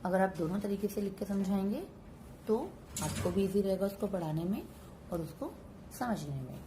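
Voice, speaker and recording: A woman's voice: medium pitch, expressive, normal speed, noisy background. A woman hosting a home-teaching tutorial, patiently going through letter sounds one at a time. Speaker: teacher and channel host.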